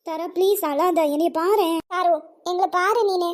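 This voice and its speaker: A woman's voice: extremely high pitch, steady tone, normal speed, noisy background. A woman voicing a caring young best friend in a cartoon, coaxing and soothing, with a Tamil accent. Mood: consoling.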